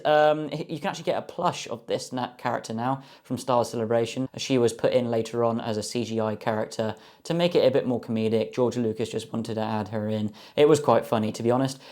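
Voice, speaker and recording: Young male fan host, casual box-opening commentary, eager and rambling, middle pitch. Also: a little mellow. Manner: chatty, enthusiastic, many ums and guesses. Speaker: card box opener.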